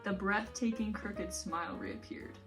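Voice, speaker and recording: A woman's voice: mid-range voice, steady tone, unhurried. Chatty young American woman over music. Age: young adult. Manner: rambling, self-deprecating, giggly, peppered with 'like'. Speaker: vlogger. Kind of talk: casual chatty vlog while organizing books. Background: background music.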